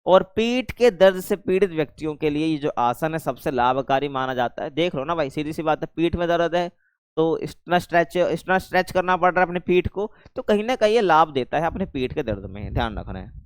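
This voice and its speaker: Male teacher, somewhat high, clear voice; casual, keeps asking questions. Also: a little fast, dry recording. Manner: chatty, keeps checking understanding, calls students 'bhai'. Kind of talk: casual classroom explanation.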